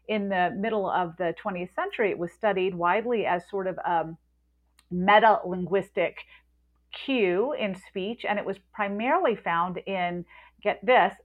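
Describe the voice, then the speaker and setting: Woman linguist on a tinny line. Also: medium pitch. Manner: lively, explains with spoken examples. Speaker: linguist and author guest. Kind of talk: explanatory interview talk.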